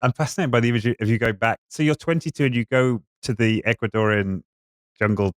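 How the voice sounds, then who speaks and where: A man's voice: medium pitch, fairly quick, no echo, clean studio sound. A man hosting a podcast interview, asking his questions hesitantly and stumbling a little. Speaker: podcast host. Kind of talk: conversational interview.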